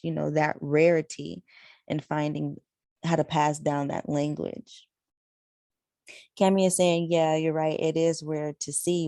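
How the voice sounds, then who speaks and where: A sign language interpreter with a low, mellow female voice speaks a signed discussion aloud, relaying each participant in the third person and using frequent fillers. The studio sound is clean, with no room sound.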